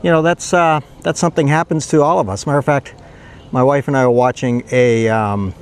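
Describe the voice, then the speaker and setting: A man's voice: medium pitch, steady tone, a little fast, clear, resonant tone. An older man telling a rambling, self-deprecating story in a casual vlog. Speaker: retiree vlogger and pizza delivery driver.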